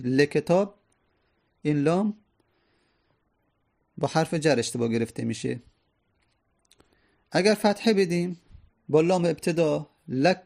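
Male teacher, raised pitch, gravelly edge; methodical lecture, asks and answers himself. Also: darkish tone. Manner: explains step by step, repeats terms, asks and answers his own questions. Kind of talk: grammar lesson.

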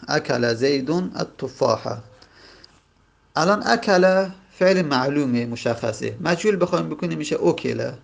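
A man's voice: medium pitch, gravelly. A man teaching a grammar lesson with a Persian accent, explaining step by step and repeating each point in other words. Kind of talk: grammar lecture.

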